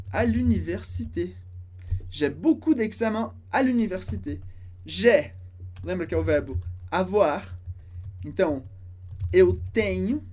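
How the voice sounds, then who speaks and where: Woman teacher, animated husky delivery, careful French lesson read. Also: medium pitch. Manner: slow, careful pronunciation of French phrases. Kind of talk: language lesson explaining a dialogue.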